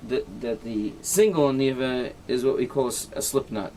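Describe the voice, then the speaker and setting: A man's voice: medium pitch, moderate pace, warm tone, slight background noise. A man, a rabbi, teaching an informal halacha class, explaining and demonstrating knots step by step, checking with "right?" and mixing in Hebrew and Yiddish terms. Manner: demonstrates knots with his hands while talking.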